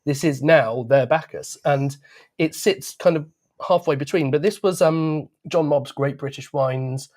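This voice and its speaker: A man's voice: fairly high pitch, a little slow, a little mellow. A man speaking for a wine club, explaining wines in an enthusiastic, conversational way.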